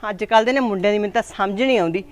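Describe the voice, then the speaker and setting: A man's voice: high voice, very fast, faint music behind, close to an everyday voice. A man playing a nagging older village mother-in-law, scolding her son and his wife in a web drama. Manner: scolding, sharp-tongued.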